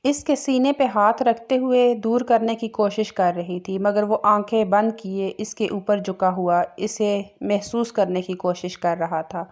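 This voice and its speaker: A woman reads a romance novel aloud in a steady, emotive storytelling manner. Her pitch sits in the middle of the range. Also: measured pace, hardly any pauses. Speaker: audiobook narrator. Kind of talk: scripted novel narration.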